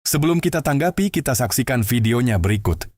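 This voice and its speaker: A man hosting and narrating scripted commentary in a steady, explanatory way. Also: medium pitch, fast, background noise. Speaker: host.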